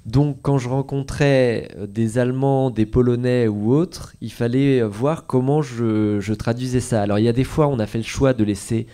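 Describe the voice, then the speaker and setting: A man, a comics author, telling an audience about his work in a relaxed, hesitant way with many filler sounds. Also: mid-range voice, moderate pace, few pauses, clean tone. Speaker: comics author at a library talk. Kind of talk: casual talk to an audience.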